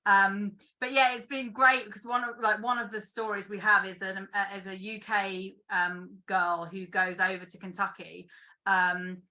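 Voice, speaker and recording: A woman's voice: medium pitch, little pitch movement, unhurried, bright, forceful tone. A British woman screenwriter chatting casually in an interview over a video call, thinking aloud with lots of fillers. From United Kingdom. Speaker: guest screenwriter.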